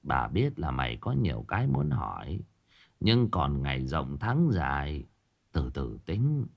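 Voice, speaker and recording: A man voicing a calm, knowing old grandmother who explains things slowly and quietly. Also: gravelly, heavily acted. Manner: slow, low, unhurried and wise.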